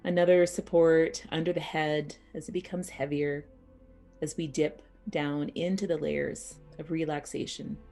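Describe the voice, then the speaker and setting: Leading a guided yoga nidra session, this woman's voice sits low and sounds mellow. Her phrases are brief and calm, delivered without hurry and with pauses between them.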